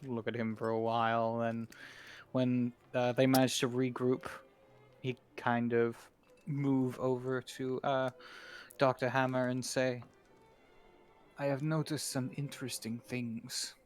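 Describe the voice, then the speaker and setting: A man playing a tabletop game, speaking slowly and deliberately about his character's moves. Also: medium pitch, flat delivery, faint music behind. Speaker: player. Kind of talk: casual tabletop game chat.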